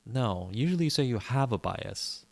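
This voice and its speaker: Here a native English-speaking male podcast co-host talks at a normal speed in a gravelly, medium-pitched voice with lively intonation. The chat is casual, and he rambles opinionatedly, saying things more than once and frequently starting over.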